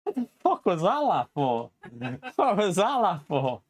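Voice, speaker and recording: A man's voice: high voice, wildly swooping pitch, unhurried, slightly rough. Joking British man in his forties, streaming. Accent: British English. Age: 40s. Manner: jokey, laughs often, banters with his partner. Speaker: sim racing streamer. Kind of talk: casual live-stream chat.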